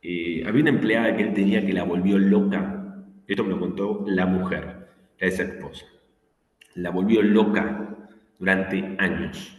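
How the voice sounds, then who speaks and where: Rioplatense male teacher, low register, anecdotal lecturing; roomy long-reverb space. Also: darkish tone. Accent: Rioplatense Spanish. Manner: anecdotal, with acted quotes and fillers. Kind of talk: online class lecture. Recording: echoey room with long reverb.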